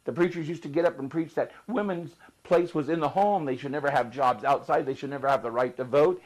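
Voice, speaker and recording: A man's voice: a little high, a little fast, rough recording. A male pastor, speaking in an interview in an emphatic, rhetorical sermon style. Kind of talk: interview, preaching tone.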